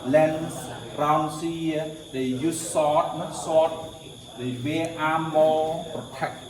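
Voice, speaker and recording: A male tour guide with a Cambodian accent, explaining in halting English and repeating his phrases. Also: a little high, fairly even intonation. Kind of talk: spoken guided tour commentary. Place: large stone temple site. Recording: echoey, distant mic, crowd chatter.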